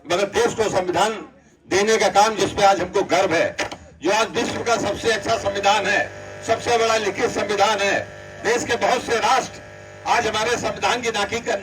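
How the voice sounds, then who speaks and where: A man with a high-pitched voice delivers a declamatory public speech, calling out to the crowd as brothers. He sounds somewhat distant from the microphone. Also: a bit bright. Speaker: political speaker.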